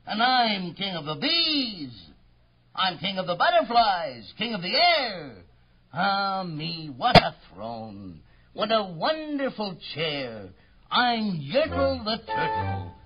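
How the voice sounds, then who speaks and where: A man's voice: high voice, wildly swooping pitch, slow, lo-fi sound, heavily acted. A man playing a pompous, boastful turtle king in a children's story, grandiose, bellowing and imperious. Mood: smug, self-delighted. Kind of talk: theatrical children's story acting.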